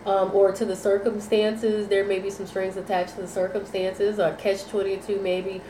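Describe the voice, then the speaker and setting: Nasal from a cold, a woman delivers a tarot reading to viewers, wandering through fillers and repeated phrases. She speaks at a moderate pace in a medium-pitched, dark-toned voice that barely rises or falls. Faint background noise and an echoey room surround her.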